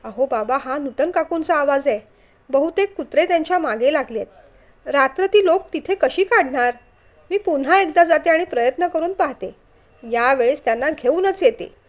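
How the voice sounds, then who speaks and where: A kind young woman who keeps pleading with others to come inside, earnest and insistent, as a woman narrator reads her part. Her voice sits high. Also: lively intonation, moderate pace.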